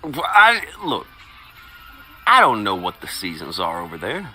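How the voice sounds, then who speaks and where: Over soft background music, a male stream host with a lowish voice speaks unhurriedly yet with a lively, swooping, bright and forceful delivery. Amid casual chat he ribs his co-host, reads out viewer comments and wanders into crude, profane stories.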